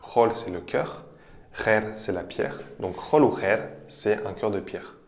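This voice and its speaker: A man teaching vocabulary, explaining each example patiently and repeating phrases slowly. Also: lowish voice, a little mellow. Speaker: language teacher. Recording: roomy echo.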